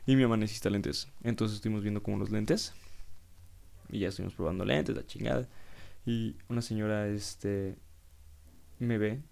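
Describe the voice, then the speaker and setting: A man in his twenties with a Mexican accent, hosting a casual solo podcast and telling stories in an animated, slangy way full of swearing. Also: on the low side, normal speed, creaky, pauses often. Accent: Mexican Spanish. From Querétaro, Mexico. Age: 20s. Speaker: podcast host.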